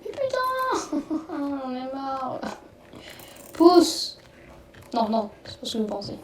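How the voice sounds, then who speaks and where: A woman narrating her own gameplay in a rambling, excitable way, breaking into swearing whenever she panics. Her voice sits a little high and is picked up from some distance in a roomy space, with clear noise underneath. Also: normal speed. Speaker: gaming video host. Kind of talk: let's play commentary. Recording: roomy, distant mic, noisy background.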